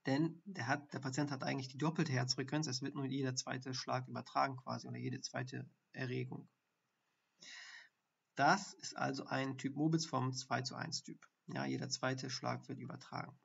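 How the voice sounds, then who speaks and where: During a live-streamed lesson, a doctor teaching ECG reading works through the findings step by step, thinking aloud with fillers. His mid-range voice is gravelly and a bit bright with a breathy edge, delivered flatly at a moderate pace. The stream audio is dull and lo-fi.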